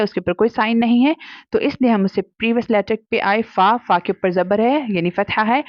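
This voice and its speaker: Woman Quran teacher, patient explanations, slow drawn-out example syllables, English words mixed in, dry dull lo-fi sound. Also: mid-range voice, no echo. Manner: mixes English words into Hindi speech. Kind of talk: Quran recitation lesson for kids.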